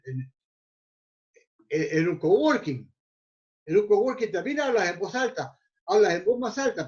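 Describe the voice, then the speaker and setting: This is a man teaching mindfulness, his voice sitting on the higher side and slightly mellow. He drifts through his lecture, repeating words haltingly as he looks for what comes next, all captured in a muffled, lo-fi recording.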